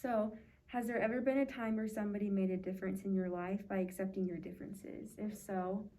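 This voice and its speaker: A woman's voice: mid-range voice, fairly even intonation, a little fast, warm tone. An American woman acting as interviewer, speaking casually and supportively in a conversational question-and-answer style. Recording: distant mic with faint noise.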